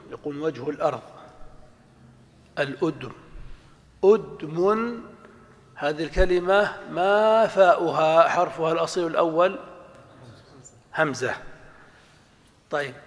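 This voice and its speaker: Male lecturer with a slightly high voice, quizzing students in a reverberant lecture hall. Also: moderate pace, pauses often. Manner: asks the class questions and answers them himself. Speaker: professor. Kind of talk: classroom lecture on Arabic morphology.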